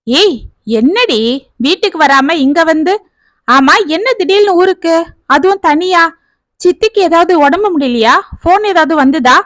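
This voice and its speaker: A protective elder cousin who fires off concerned questions in a high, lively voice, as a woman storyteller puts her on. The sound is close and dry. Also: normal speed, long pauses, no room sound. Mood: anxious. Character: caring, bustling office-working older sister.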